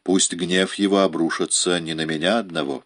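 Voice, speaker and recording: A man's voice: low voice, lively intonation, normal speed, gravelly, full character voice. A man voicing an old male Germanic slave who is loyal and grim, read in an audiobook.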